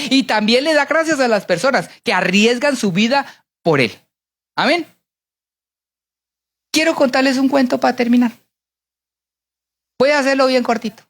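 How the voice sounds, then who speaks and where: A woman preacher giving a sermon, lively and quizzing the congregation with call-and-response questions before telling a story. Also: medium pitch.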